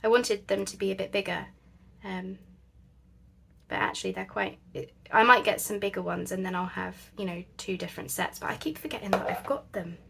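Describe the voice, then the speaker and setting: Casting note: woman, crafting host, relaxed rambling chat with a gravelly edge and faint background noise. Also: medium pitch, brisk. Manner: chatty, thinks aloud with many fillers.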